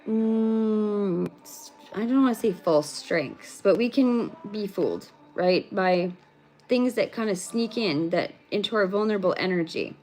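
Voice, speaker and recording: A woman's voice: mid-range voice, animated, unhurried, darkish tone, soft background music. A woman giving a livestreamed spiritual card reading in a rambling, casual way, swearing freely. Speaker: spiritual reader.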